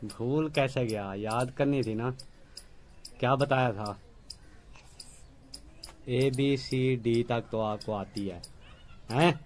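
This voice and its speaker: A man's voice: mid-range voice, slow, pauses often, slight background noise. A man vlogging at home, patiently quizzing a child on letters and numbers and calling out to the children at play. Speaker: family vlogger. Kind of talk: casual home vlog.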